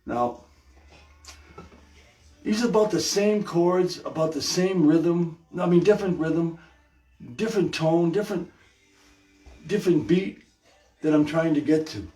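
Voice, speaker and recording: An older man hosting a casual livestream podcast from his hallway at home, talking to viewers in an animated, folksy way through a propped-up phone. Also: on the high side, unhurried, pauses often. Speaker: podcast host. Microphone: phone or camera propped on a stand. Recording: echoey hallway with music playing.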